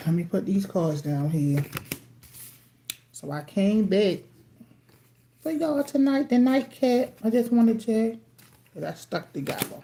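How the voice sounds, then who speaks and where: A tarot reader streams a relaxed reading from home, TV going in the background, her lowish, warm voice moving slowly with frequent pauses and a bit of background noise. Chatty and casual, she eats while talking and refers to her viewers as y'all.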